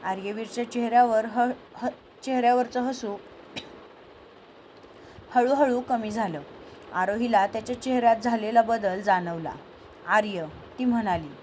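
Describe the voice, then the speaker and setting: A woman storyteller narrating a romance in a calm, unhurried, gentle reading voice. Her pitch sits a little high. A faint hiss of background noise runs underneath. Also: rough recording. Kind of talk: read-aloud romance narration.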